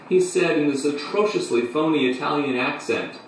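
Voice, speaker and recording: An actor playing a flamboyant man who tells his story in a halting, breathless theatrical monologue. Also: fairly high pitch, natural voice. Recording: echoey room, distant mic, faint hum.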